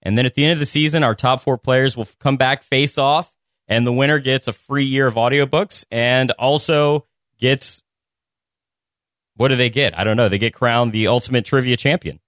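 An upbeat, joking quiz host reads out trivia questions. The voice sits at a middle pitch in a dry, close sound. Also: normal speed, a bit bright, dry recording. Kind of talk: casual hosting, reading quiz questions.

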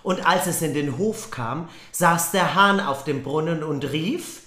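A woman's voice: low voice, measured pace, a bit bright. A woman co-hosting a podcast, reading a fairy tale aloud with playful banter and joking interruptions. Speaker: podcast co-host. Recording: roomy echo.

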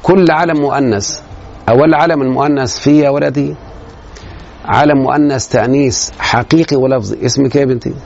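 A man with an Egyptian Arabic accent lectures a class on grammar at a brisk clip, his voice gravelly and full of fry. He walks through each point and keeps asking whether the students have understood. The recording is muffled and lo-fi, with faint noise underneath. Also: mid-range voice, steady tone, a little mellow. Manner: explains step by step, often checks that students follow.

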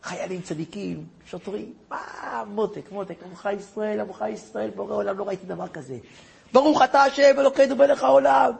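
A man, a rabbi, tells a story to an audience in an animated way, acting out voices and sound effects. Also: high-pitched, creaky, a little hiss or hum.

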